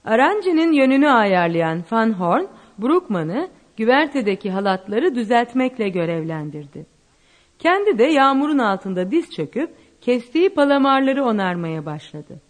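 A woman narrating a story in an expressive, dramatic reading style. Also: fairly high pitch, moderate pace, big-room sound. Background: faint music.

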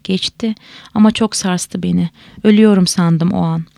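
A frail, ailing mother speaks faintly and tenderly in a storybook reading, voiced by a woman. The voice is soft and strained, with a gravelly grain. The recording is dry. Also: on the low side, steady tone, moderate pace, dry recording. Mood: weak. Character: weak, ailing middle-aged mother, tender.

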